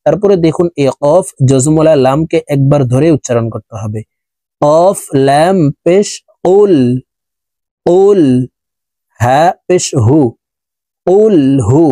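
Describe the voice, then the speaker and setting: A man teaching Quran recitation, spelling out letters and vowel marks one by one, then chanting the words slowly, with brisk explanations in between. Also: a little high, animated, dark tone, dry recording. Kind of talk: slow spelled-out recitation lesson.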